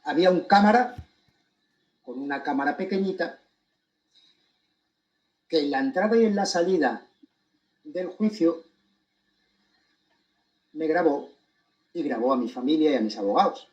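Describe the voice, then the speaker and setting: A man with a slightly high voice and a Spanish accent from Spain addresses his audience in a monologue. He is deliberate and emphatic, setting key phrases apart with pointed pauses. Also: lively intonation, a little mellow, muffled recording. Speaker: commentator giving his account of a court case.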